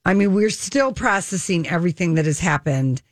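A woman's voice: on the low side, animated, fairly quick, no echo. Candid, bawdy woman in a dry studio. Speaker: talk show host. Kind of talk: casual relationship advice chat.

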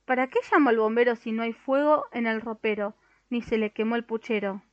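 Woman voicing a timid male firefighter, storybook, rhyming and fussy, fairly high, dry muffled recording. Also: fairly even intonation, a little fast, no echo, lightly acted. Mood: puzzled. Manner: rhyming, fussy and easily scared. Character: flustered, timid male firefighter who talks in rhymes.

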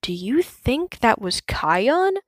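A woman reading the part of a wise, calm male lion king and father, softly and steadily. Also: a little high, slow pace, no room sound, voice pushed up. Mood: solemn.

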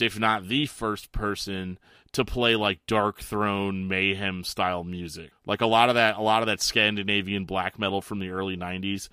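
A man's voice: fairly low pitch, bright, forceful tone, no room sound, clean studio sound. A man hosting a podcast, talking casually like an enthusiastic music fan. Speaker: podcast host and interviewer. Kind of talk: casual chat.

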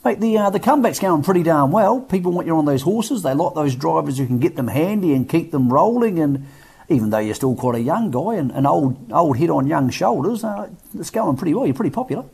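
Aussie radio guy, soft mellow husky voice, chatty matey racing interview host. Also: on the high side, animated, fairly quick. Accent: Australian.

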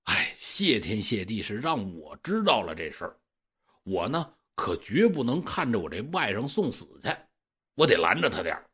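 A man's voice: on the low side, big pitch swings, moderate pace, pushed and bright, husky, voice pushed down, full character voice. Man doing an anxious old farmer. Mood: fretful. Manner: exclaiming, stammering with worry. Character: old male farmer, anxious and good-hearted.

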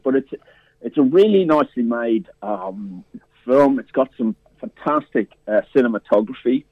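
A film festival programmer, medium-pitched and recorded dry, chats about movies in a radio interview. The audio comes over a tinny, dry phone line, and he frequently halts, restarts, and fills gaps with filler words.

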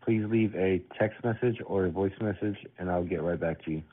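A man's voice: low voice, normal speed, slightly rough. A man's recorded voicemail greeting, brief and polite, played back over a phone. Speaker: business owner's answering message. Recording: tinny phone line recording.

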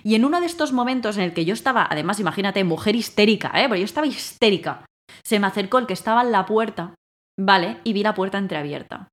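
A woman telling a story in casual conversation, acting out her own lines with bursts of loudness. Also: mid-range voice, quick pace. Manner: animated, acts out her own quotes loudly. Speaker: guest.

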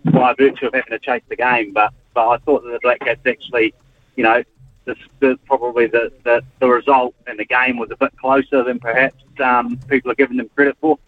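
A man's voice: mid-range voice, little pitch movement, brisk, dry recording. A man from New Zealand with a New Zealand accent, calling in to a sports radio show on a hands-free car speakerphone from his work van, talking in an easygoing, rambling way. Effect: car speakerphone over a phone line. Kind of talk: casual phone-in chat. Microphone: hands-free Bluetooth in a vehicle. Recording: tinny phone line from a moving car.

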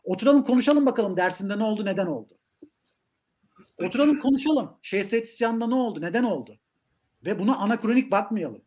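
Male academic guest for political talk show, fairly high voice, emphatic and rhetorical delivery. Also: animated, fairly quick, darkish tone. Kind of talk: political discussion on a live stream.

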